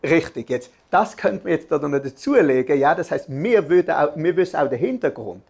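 Guy giving a torah class, kinda high voice with lots of gravel, restarts a lot as he tells a story. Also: animated, brisk, darkish tone. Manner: earnest storyteller, restarts and filler sounds, mixes in Hebrew terms. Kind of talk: religious lesson with storytelling.

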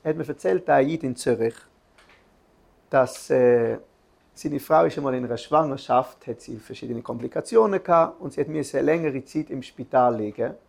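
Gravelly man teaching. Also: mid-range voice, normal speed. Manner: earnest storyteller, restarts and filler sounds, mixes in Hebrew terms. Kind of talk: religious lesson with storytelling.

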